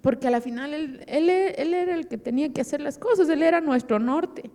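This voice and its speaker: A woman's voice: high-pitched, fairly quick, dark tone, in a large hall. A middle-aged woman giving an emotional personal testimony in church and vividly acting out remembered dialogue. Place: church hall.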